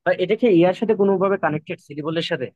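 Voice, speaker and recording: A man's voice: sits high, very fast, a little mellow, no room sound, dull audio. A man, a student in a class, asking brief questions and answering the tutor.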